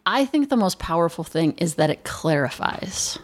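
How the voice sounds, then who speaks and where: A woman's voice: on the low side, very animated, moderate pace. A businesswoman with a Chicago accent, guest on an interview show, talking in an emphatic, candid, joking way. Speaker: agency chief executive, guest. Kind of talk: conversational interview.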